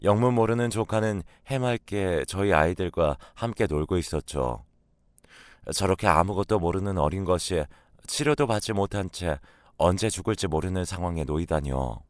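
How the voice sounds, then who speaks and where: Deep-voiced man narrating a radio drama. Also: no room sound, studio quality. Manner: calm, measured storytelling.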